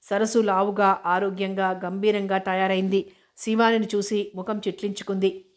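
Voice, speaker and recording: Woman audiobook narrator, mid pitch, flat even delivery, steady novel reading. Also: normal speed.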